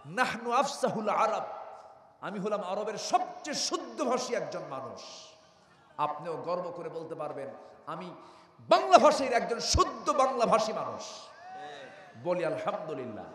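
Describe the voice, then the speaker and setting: A male preacher giving an Islamic sermon, calling out to the crowd for loud replies. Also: sits high, animated, normal speed, pauses often, background noise. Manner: call-and-response with the crowd, loud bursts. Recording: roomy echo, long reverb, distant mic.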